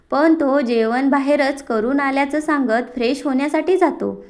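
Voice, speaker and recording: A woman narrating a family story, reading it aloud in a descriptive, measured way. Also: high-pitched.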